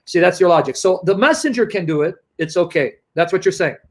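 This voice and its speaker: A man with a high, raised voice argues in a heated online debate. He pushes hard and rapid-fire, mocking and insisting without pause. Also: animated.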